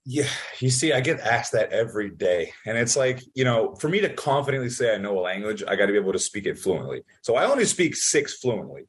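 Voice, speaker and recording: A young man born in Italy, speaking in a lowish, husky voice, is a guest on a podcast. In a casual interview he tells stories fast and animatedly, full of fillers and acted-out quotes.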